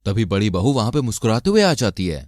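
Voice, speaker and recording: Guy narrating a cartoon story, really animated up and down delivery, dry sound. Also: on the low side, quick pace, no room sound. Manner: lively storytelling.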